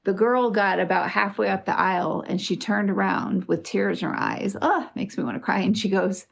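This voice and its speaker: A woman's voice: medium pitch, normal speed, gravelly. A woman hosting a podcast in casual chat, telling stories expressively and addressing listeners. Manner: expressive, emotional storyteller, speaks to listeners. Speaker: podcast host.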